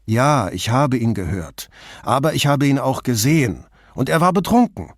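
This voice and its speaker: A man's voice: mid-range voice, sing-song, normal speed, no room sound, clean studio sound, voice pushed up. A man voicing a barman who speaks in a subdued, worn way, sometimes almost whispering. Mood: exasperated. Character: sorrowful male barman, Ruggiero.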